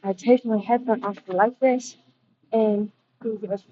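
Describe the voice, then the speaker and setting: A woman's voice: on the high side, a little slow. Chatty young woman telling a story. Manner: chatty, animated retelling. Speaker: vlogger. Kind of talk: casual storytime. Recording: dull lo-fi with faint noise.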